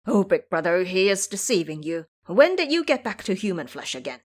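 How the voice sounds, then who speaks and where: A woman's voice: on the low side, sing-song, fairly quick. A woman voicing a sensible, loyal male monk in an audio drama, earnest and full of caution. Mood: warning. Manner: earnest, warning.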